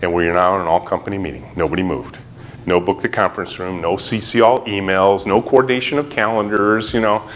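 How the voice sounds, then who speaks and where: A middle-aged man giving a conference keynote talk, telling stories in an animated way and acting out quotes with sudden jumps in pitch. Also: a little fast, a little hiss or hum. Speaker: keynote speaker. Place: conference hall.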